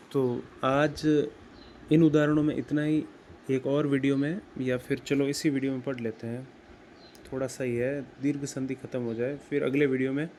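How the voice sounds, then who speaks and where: A man teaching grammar, explaining slowly and deliberately and repeating words as he writes them out. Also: mid-range voice, dark tone, a little hiss or hum. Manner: slow and deliberate, repeats words while writing. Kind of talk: explaining at a whiteboard.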